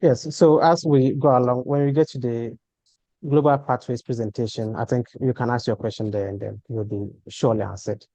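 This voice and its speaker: A man's voice: medium pitch, fairly even intonation, a little fast, dark tone, dry recording, poor audio. A man moderating a webinar video call, politely handing questions to the speakers. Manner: polite, brief, directs questions.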